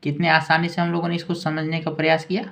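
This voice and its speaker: A man hosting a language lesson, spelling words out slowly letter by letter and often checking with the listener. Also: a little high, monotone, gravelly, pushed and bright. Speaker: English teacher, channel host.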